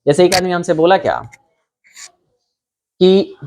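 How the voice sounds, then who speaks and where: Young indian guy teaching a computer class, pretty high voice, keeps asking the class questions. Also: measured pace, darkish tone. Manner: explains with rhetorical questions to the class. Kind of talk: classroom lesson.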